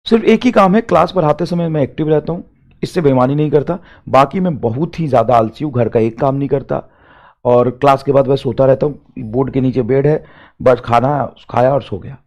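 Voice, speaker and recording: A young man teaching and giving a motivational talk to exam students, emphatic, repeating phrases and swinging between loud urging and quiet asides. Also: medium pitch, brisk.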